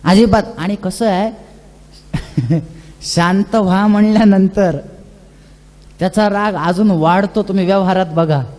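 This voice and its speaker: A man's voice: sits high, fairly even intonation, unhurried, pauses often, darkish tone. A man giving a devotional scripture discourse, chatty, acting out dialogue and chanting verses. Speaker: religious storyteller. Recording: reverberant hall.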